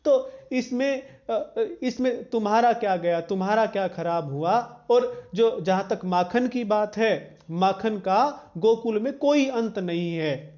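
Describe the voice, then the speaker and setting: A man explaining devotional poetry line by line, restating each word's meaning and pausing with frequent fillers. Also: high voice, darkish tone, highs cut off. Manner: repeats glosses and restates each phrase, frequent "uh" pauses. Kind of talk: slow line-by-line explanation of verses.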